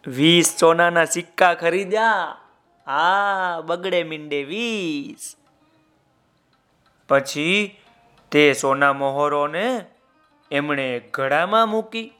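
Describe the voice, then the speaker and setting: Man telling kids a bedtime-style story, high voice, slow and chatty, soft music behind. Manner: lively, addresses young listeners directly. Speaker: children's storyteller. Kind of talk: children's storytelling.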